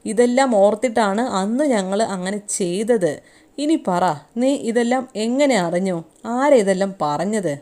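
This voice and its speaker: A woman's voice: mid-range voice, expressive, lightly acted. A woman reading as a stern protective brother. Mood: worried, defensive. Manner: loud, scolding, quick. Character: protective older brother, angry then coaxing.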